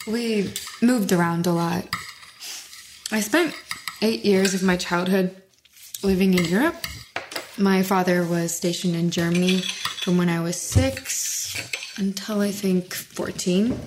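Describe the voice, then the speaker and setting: A woman's voice: on the low side, fairly even intonation, slow, pauses often, background noise. A woman playing a flirtatious, worldly woman who is hosting a dinner date, speaking in a teasing, doting manner. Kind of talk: audio drama acting.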